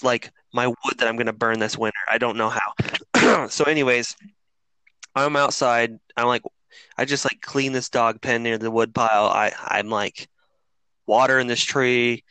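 Middle-aged guy rambling a story, swears a lot, bright clean voice. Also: mid-range voice, unhurried, clean tone, dry recording, low-quality recording. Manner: profane, rambling, animated storyteller. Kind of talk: casual storytelling chat.

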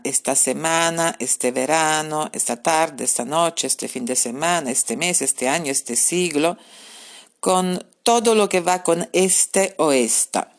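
A woman language teacher records a podcast lesson at her computer. She talks in a low, unhurried voice and repeats her points patiently. A gravelly rasp runs through her speech.

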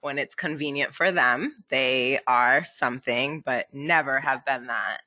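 A woman's voice: very deep voice, unhurried, bright, forceful tone, no room sound. A woman talking in a casual podcast chat, chatty with lots of fillers and frequent laughs.

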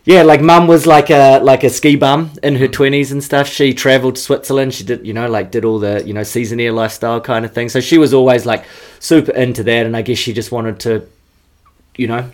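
A man's voice: mid-range voice, steady tone, a little fast, darkish tone. Laid-back New Zealand man, slangy chat. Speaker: snowboarder guest. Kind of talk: casual interview chat.

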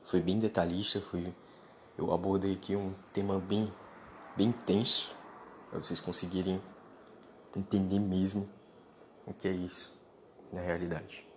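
A man's voice: low-pitched, flat delivery, a little slow, long pauses, slight background noise. A man delivering a blunt, lecturing solo monologue to his podcast listeners, speaking informally and bluntly. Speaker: podcast host.

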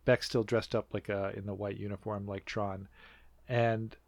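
A man's voice: on the low side, level tone, normal speed, no room sound. A man from North America talking casually as a podcast co-host, rambling with lots of fillers and restarts. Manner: rambling, many fillers and restarts, laughs often. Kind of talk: casual chat.

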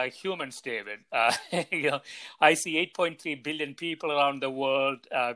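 A man with a medium-pitched, sharp-toned voice hosts a podcast. He reads a set introduction, then shifts into casual conversation full of hesitations and fillers.

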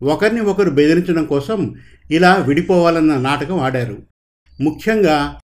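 A man voicing a calm, wise male judge who speaks in an unhurried, measured way. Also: fairly high pitch, natural voice.

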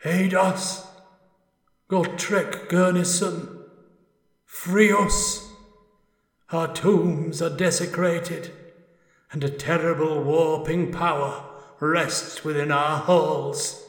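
A man's voice: fairly high pitch, flat delivery, extremely slow, pauses often, fairly bright tone, pitched above the performer's own voice, exaggerated voice. A man voicing an ancient dwarf ghost who pleads in anguish, full of long suffering. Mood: pleading. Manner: mournful, echoing with ages of suffering.

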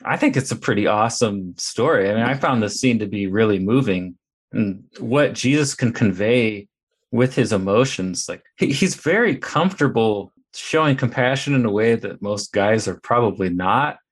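Animated man hosting a podcast roundtable. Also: lowish voice, moderate pace, husky. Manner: animated, acts out quotes in a raised voice. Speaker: podcast host. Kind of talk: casual roundtable discussion.

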